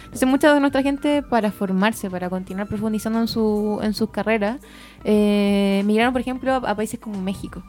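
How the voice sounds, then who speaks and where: A woman co-hosting a podcast conversation, speaking thoughtfully and pausing to find her words. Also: mid-range voice, darkish tone, soft background music. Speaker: podcast co-host. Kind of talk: casual conversation.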